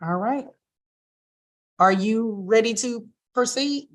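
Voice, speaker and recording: A woman judge heard in a courtroom recording of a virtual hearing, running formal proceedings on the record over a video call in a measured, procedural way with brief fillers. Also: on the high side.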